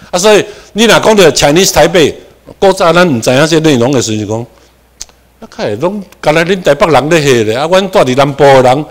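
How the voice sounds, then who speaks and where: Animated Taiwanese-accented man lecturing. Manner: animated, with sudden rises in pitch and volume for emphasis. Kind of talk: classroom lecture. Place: lecture room.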